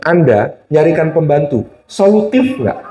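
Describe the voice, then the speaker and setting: A man's voice: fairly high pitch, very animated, a little slow, warm tone. A male Islamic preacher giving a religious lecture, telling stories with humor and acted-out quotes. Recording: roomy hall, distant mic.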